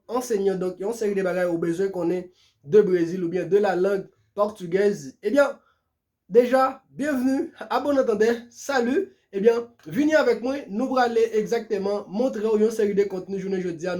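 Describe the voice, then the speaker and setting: A man with a Haitian accent and a fairly high voice teaches in a relaxed online lesson. Haitian Creole is his first language, and he moves easily between Creole, French and Portuguese. He repeats words slowly and carefully to help learners. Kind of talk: casual video lesson.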